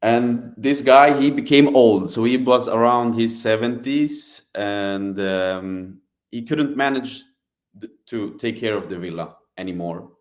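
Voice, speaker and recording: A man from Sweden, a real estate advisor, speaking as an interview guest in a measured, hesitant way with many ums. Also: mid-range voice. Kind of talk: casual interview.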